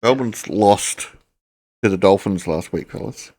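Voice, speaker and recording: A man's voice: fairly low pitch, a little slow, darkish tone. A man leading a casual sports discussion as podcast host, with matey, sweary banter.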